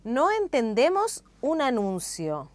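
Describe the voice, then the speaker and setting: A woman narrates a scripted language lesson in a slow, careful, explanatory manner. Her voice sits a little high and moves through a lively melody. The recording is dry and close, with no room sound. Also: no echo.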